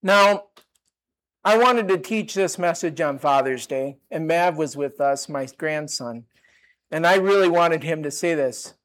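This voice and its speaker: An older man giving a sermon, talking in a relaxed conversational way with asides and restarts. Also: a little high, measured pace. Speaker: pastor.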